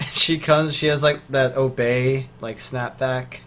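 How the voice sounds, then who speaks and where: A man's voice: medium pitch, steady tone, slow pace, fairly bright tone. A man chatting casually on a podcast, laid-back and joking, often trailing off mid-sentence. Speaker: podcast co-host. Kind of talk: casual chat.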